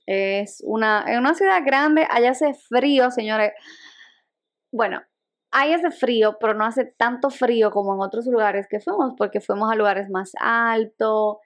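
A woman's voice: a little high, a little slow. A young woman, co-hosting a podcast in casual chat, laughing often and restarting her sentences. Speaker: podcast co-host.

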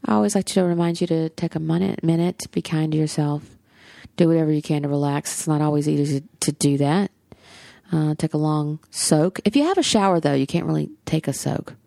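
Gravelly Southern woman podcaster. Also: low-pitched, brisk, warm tone, no room sound. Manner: rambling, swears casually, many fillers. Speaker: podcast co-host. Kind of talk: casual podcast chat.

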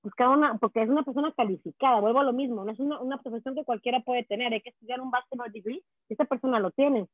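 A Mexican woman, a guest speaking on immigration, talking in a chatty, quick way over a call. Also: a little high, dry recording. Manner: fast, chatty, restarts words. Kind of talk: casual chat. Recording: tinny dry phone line.

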